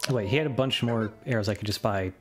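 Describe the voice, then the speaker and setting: A man streaming a video game, chatting in a relaxed way and laughing easily. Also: fairly low pitch, fast talker, over music. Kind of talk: casual let's-play chat.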